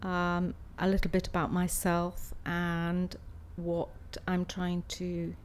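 A woman's voice: on the low side, monotone, slow, a little hiss or hum. A woman, answering interview questions conversationally and somewhat hesitantly. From Swansea, South Wales. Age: 60s. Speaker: interviewee, art student and practising artist.

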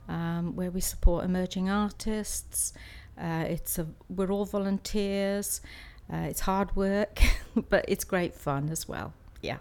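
A woman's voice: mid-range voice, darkish tone, clean tone. A woman, answering interview questions conversationally and somewhat hesitantly. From Swansea, South Wales. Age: 60s. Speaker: interviewee, art student and practising artist.

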